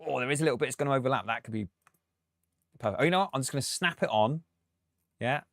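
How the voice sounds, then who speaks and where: A man's voice: mid-range voice, expressive, fast, creaky, dry recording, studio quality. A man and music producer, talking through a track on a live stream, chatty and thinking aloud with frequent laughs.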